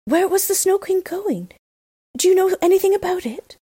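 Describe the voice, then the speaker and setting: A woman reading a storybook, voicing a gentle, frightened little girl who speaks timidly. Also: extremely high pitch, animated, normal speed, dry recording, clean studio sound, pitched above the performer's own voice. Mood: anxious. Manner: timid, pleading.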